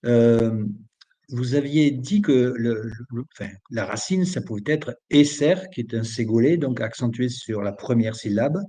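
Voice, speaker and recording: A man's voice: mid-range voice, a little slow, dark tone. A man, a student in an online class, asking a careful, precise question about grammar.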